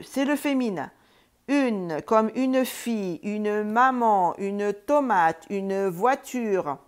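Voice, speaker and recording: A woman teaching reading and spelling, sounding out words slowly, syllable by syllable. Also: fairly high pitch. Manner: slow, syllable by syllable, sounding out letters.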